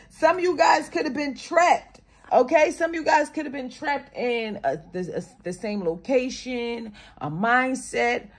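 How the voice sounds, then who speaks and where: A woman with a high voice and a touch of morning voice gives viewers a spiritual reading in a loose, slangy way. She drops from low mutters into loud, animated bursts and keeps checking in with "okay?". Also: vocal fry. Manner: emphatic, slangy, keeps tagging lines with "okay?". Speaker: spiritual card reader.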